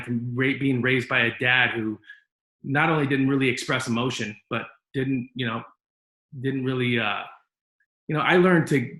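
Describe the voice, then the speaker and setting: A man's voice: mid-range voice, fairly bright tone. Earnest rambling man in an echoey room. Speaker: podcast host. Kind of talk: casual interview talk.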